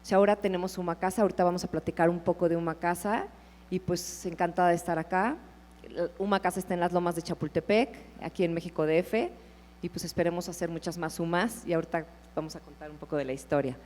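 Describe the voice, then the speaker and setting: A woman's voice: lowish voice, steady tone, fast talker, a little mellow, in a large hall. A woman introducing herself as a hotel owner on a panel, chatty.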